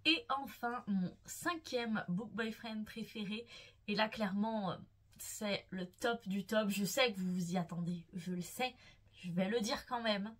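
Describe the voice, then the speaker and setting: A woman's voice: medium pitch, a little slow, a bit bright. A young woman hosting a book vlog who gushes playfully and swoons as she talks about her favorite characters. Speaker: book vlogger. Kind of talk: casual enthusiastic book chat.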